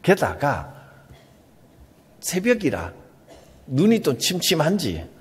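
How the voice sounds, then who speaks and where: A male pastor with a Gyeongsang Korean accent, preaching an earnest, emphatic sermon with soft asides. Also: a little high, wildly swooping pitch, slow pace, husky, big-room sound. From Gyeongsang region, Korea.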